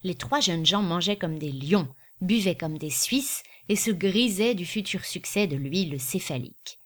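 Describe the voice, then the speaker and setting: A woman narrating a classic novel in a steady, clear voice. Her reading is measured and unhurried. She carries the story between the characters' lines. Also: lowish voice. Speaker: audiobook reader. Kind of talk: literary narration.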